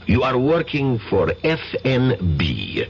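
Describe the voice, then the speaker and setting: Performing in a 1970s radio drama, a man voices a suave foreign villain who heads a crime ring, mocking and menacing, with a French-sounding accent. He speaks slowly at medium pitch, his gravelly, smooth voice exaggerated and swooping wildly. Soft music plays beneath the dull vintage broadcast, which carries faint hiss.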